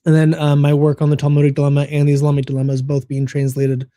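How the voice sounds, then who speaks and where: Man with a mellow, fairly high voice. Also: monotone, fast talker, no echo, studio quality. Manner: laughs often, talks through fillers. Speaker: co-host answering chat comments. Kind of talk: casual livestream chat.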